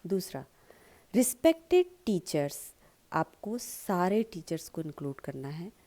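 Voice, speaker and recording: A woman with an Indian accent, explaining in a tutorial lesson and slowly stressing sample lines. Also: fairly low pitch, lively intonation, a little mellow. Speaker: public speaking teacher.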